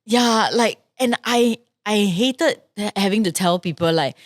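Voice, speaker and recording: A young adult woman co-hosting a podcast in casual chat, reflective and quick to murmur agreement. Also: mid-range voice, no room sound, studio quality. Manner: reflective, backchannels often with soft agreement. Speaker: podcast co-host, singer.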